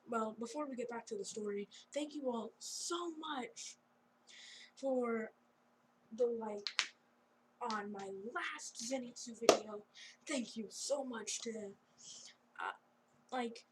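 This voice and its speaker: A woman's voice: a little high, background noise. A young woman improvising a fan story in a rambling, giggly, chatty way. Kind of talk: casual improvised story narration.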